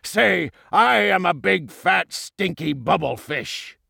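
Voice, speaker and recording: A man voicing a huge, cruel, bullying fish king in an audiobook, with a gravelly bellow and a slow, menacing, gloating delivery. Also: fairly high pitch, lively intonation, sharp tone, no room sound, clean studio sound, heavily acted. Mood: furious. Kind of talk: audiobook character voice.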